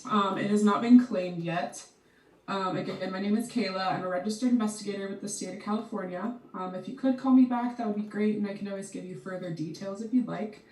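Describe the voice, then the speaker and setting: A woman's voice: mid-range voice, fairly quick, a little mellow. Woman, leaving a voicemail, nervous, hesitant with many ums, echoey room, distant from the mic. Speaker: student cold caller.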